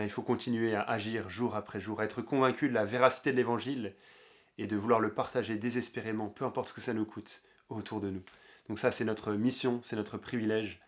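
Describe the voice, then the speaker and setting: A man doing a relaxed question-and-answer video from his sofa, earnestly explaining faith and chatting with viewers. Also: lowish voice. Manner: earnest, teaching, with fillers. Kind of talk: casual Q&A chat. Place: seated on a sofa at home.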